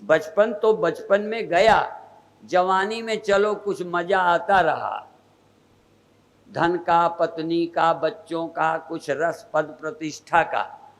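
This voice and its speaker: An older man, a spiritual teacher, preaching a sermon in a measured, repetitive cadence. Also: a little high, poor audio.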